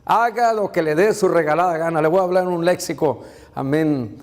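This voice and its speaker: A man's voice: on the high side, a little fast, in a large hall. A man, a pastor, preaching a sermon, asking rhetorical questions and calling out to the congregation.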